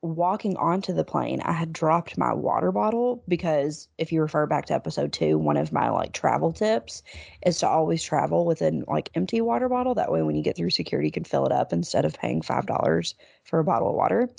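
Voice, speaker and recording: Chatty young woman, gravelly low voice. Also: lively intonation, a little fast, darkish tone, dry recording. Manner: chatty, self-deprecating, lots of "like". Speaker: podcast co-host. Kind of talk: casual chat, storytelling.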